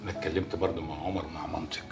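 A middle-aged man with an Egyptian accent, playing a fatherly doctor in a TV drama with a calm, reassuring manner. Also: low voice, very fast, vocal fry, over loud music. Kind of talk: TV drama acting.

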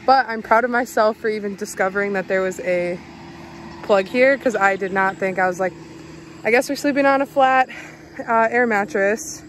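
A woman's voice: medium pitch, normal speed, slight background noise. A young woman chatting casually to a phone camera held at arm's length at a campsite, giggly and upbeat. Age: young adult. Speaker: vlogger. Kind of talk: casual vlog chat. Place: outdoors at a campsite.

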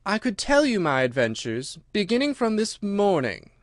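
A man's voice: high-pitched, big pitch swings, normal speed, dry recording, studio quality, voice pushed up. A man voicing a polite, timid and curious young girl in a storybook, with a lilting, wondering manner. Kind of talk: storybook character voice.

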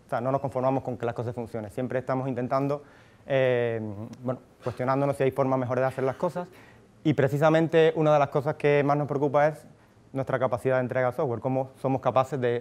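This conference speaker is a Cuban man in his thirties whose mid-range voice has a darkish tone and a Cuban Spanish accent. Addressing a live audience in a conference room over a handheld mic, he keeps it casual, thinking aloud with many fillers and restarts.

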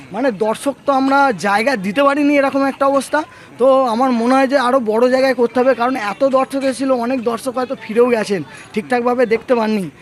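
A man with a West Bengal Bengali accent giving a promotional interview as a shop owner, emphatic and repetitive, mixing in English words. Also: very high-pitched. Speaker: mobile showroom owner. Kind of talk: promotional interview, recapping a prize draw.

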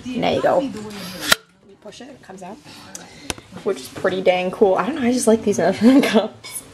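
A woman's voice: medium pitch, moderate pace, a crowd in the background. A young woman casually vlogging at home on a handheld camera, bubbly and giggly. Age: young adult. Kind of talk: casual vlog chat. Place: home kitchen and bedroom, indoors. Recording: home camera with clear background noise.

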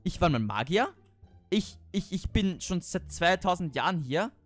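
A man's voice: high voice, sing-song, normal speed, faint music behind. A man voicing an old male magician from a game who stammers and repeats syllables. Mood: stammering.

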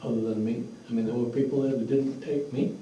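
With a warm, medium-pitched voice and a steady tone, a fundraiser organizer talks a little fast at a town meeting, sounding blunt and matter-of-fact. A far room mic records him in an echoey, mid-sized indoor meeting room with slight background noise.

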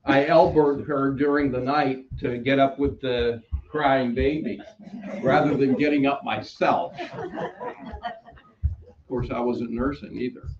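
An older man, a pastor with a New York accent, preaching a sermon in a church in a conversational, unhurried way, walking about near a pulpit mic. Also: mid-range voice, sing-song, muffled recording. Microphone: stand mic at pulpit, preacher moving about.

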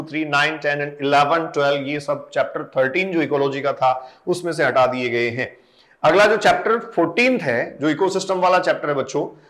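A male educator, slightly high-pitched, addresses students directly. He works through long lists of textbook topics one by one, lesson style. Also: fairly bright tone. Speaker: exam coaching educator.

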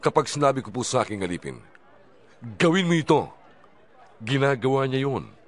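A man's voice: medium pitch, very animated, normal speed, some chatter behind, natural voice. A man playing a humble Roman army captain in an audio Bible drama, pleading in a deferential way.

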